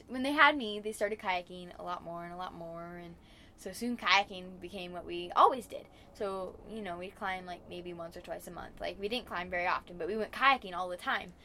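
A woman's voice: mid-range voice, sharp tone, a little hiss or hum. Chatty young woman kayaker. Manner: chatty, with lots of fillers. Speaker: interviewee, kayaker. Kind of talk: casual interview answers.

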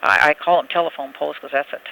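Elderly female interviewee on the phone, bright but gravelly low-set voice, halting reminiscences. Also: poor audio. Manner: halting, reminiscing, searching for words. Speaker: oral history interviewee. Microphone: telephone. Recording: telephone interview recording.

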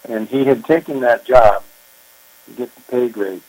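An older man, a former park chief ranger, telling his story in an interview, unhurried and reflective with frequent pauses. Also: mid-range voice, darkish tone, poor audio. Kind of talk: oral history interview.

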